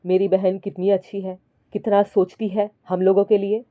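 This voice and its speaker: A woman's voice: medium pitch, level tone, normal speed, narrow, tinny audio, lightly acted. A woman voicing a lazy husband who talks in a complaining, smug way. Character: lazy, grumbling husband, adult man.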